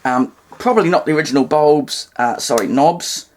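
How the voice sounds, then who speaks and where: With a darkish tone and normal speed, a mid-range New Zealand voice explains a vintage radio repair session. The presenter sits at a table in an indoor room, giving an unscripted hands-on talk while hesitantly reasoning aloud and carefully spelling things out.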